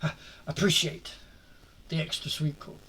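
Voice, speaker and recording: A man's voice: a little high, level tone, unhurried, pushed and bright, slight background noise. A man chatting casually as a player in a streamed tabletop game.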